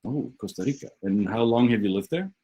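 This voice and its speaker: Brisk, halting man on a video call. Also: mid-range voice, expressive, warm tone, husky, low-quality recording. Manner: brisk, halting with repeated restarts. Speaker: guest speaker leading an online session. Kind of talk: conversational talk on a video call.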